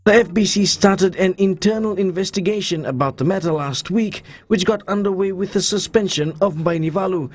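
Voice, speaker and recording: A male news reporter delivers scripted narration. His voice is distinctly high-pitched for a man. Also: normal speed, few pauses.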